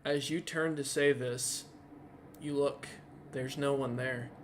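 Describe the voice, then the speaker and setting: A man who is the dungeon master, narrating a tabletop game in a casual, halting way with lots of fillers. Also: medium pitch, fairly even intonation, noisy background.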